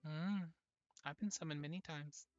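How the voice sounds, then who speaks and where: Game master voicing booming ominous herald Testudo. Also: darkish tone, no room sound, highs cut off, natural voice. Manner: booming, measured threats. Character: booming summoned otherworldly herald, calm and ominous.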